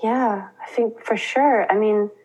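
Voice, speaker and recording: A young woman from Russia, a student guest, chatting and acting out quotes in lively voices. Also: a little slow, slightly rough, rough recording. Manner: chatty, acts out quotes with lively pitch jumps. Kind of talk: casual interview talk.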